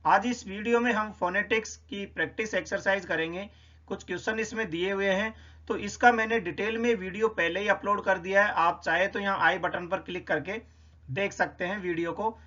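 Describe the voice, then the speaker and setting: High-voiced man explaining a phonetics quiz. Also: steady tone, pushed and bright, highs cut off. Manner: explains step by step, repeats sounds slowly. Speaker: English teacher.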